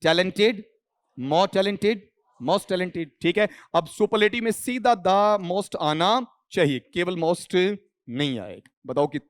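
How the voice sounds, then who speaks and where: A man with a fairly high voice lectures a room of students. He fires questions at the class and answers them himself. The sound is close and dry. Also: lively intonation, slow, no echo. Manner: mixes English grammar terms into his Hindi. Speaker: English teacher.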